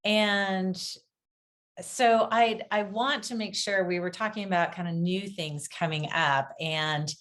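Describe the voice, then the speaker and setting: A woman's voice: mid-range voice, steady tone, takes it slowly, fairly bright tone. A woman hosting an interview who speaks enthusiastically and stumbles over her words as she steers toward the next question. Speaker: interview host. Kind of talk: casual interview chat.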